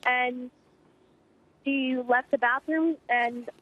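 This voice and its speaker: A teenage girl, an eyewitness student, recounting events rapidly over the phone, shaken and in shock. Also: sits high, steady tone, no echo. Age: teens. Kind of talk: phone interview. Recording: tinny phone line.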